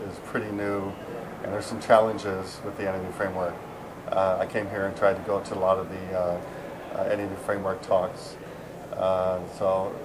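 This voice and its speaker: Being interviewed at a busy conference venue, a middle-aged software engineer from San Diego, USA, talks in a low voice, rambling casually through many fillers and false starts. Background noise can be heard.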